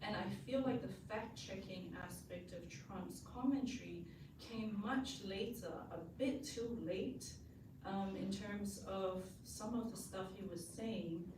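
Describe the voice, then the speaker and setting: Samoan woman, audience question, measured delivery, echoey far-off hall with room noise. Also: medium pitch. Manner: thoughtful, measured, many fillers. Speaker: audience member asking a question. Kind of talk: panel audience comment. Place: conference hall. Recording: roomy hall audio from afar, noisy.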